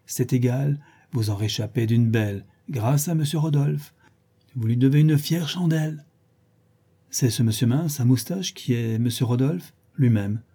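A man's voice: medium pitch, a little slow, dark tone, breathy edge. A man voicing a gossipy, scheming old female concierge in a raised, chattering voice.

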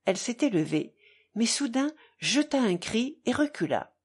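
A woman narrating an audiobook of a classic novel in a measured, even way. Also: on the high side, slightly rough.

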